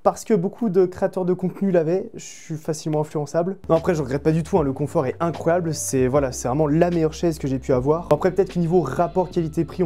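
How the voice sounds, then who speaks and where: A woman's voice: sits low, dark tone. A woman in her late twenties, a streamer, giving a casual, chatty and self-mocking tour of her studio. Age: late 20s. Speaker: streamer and video creator. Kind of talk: casual setup tour vlog.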